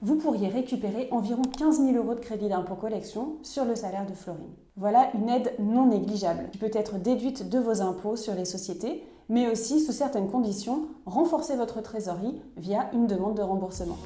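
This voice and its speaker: A woman reading a scripted voice-over explainer in a clear, measured, instructive way. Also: mid-range voice, mellow, roomy sound. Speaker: narrator of a tax explainer video.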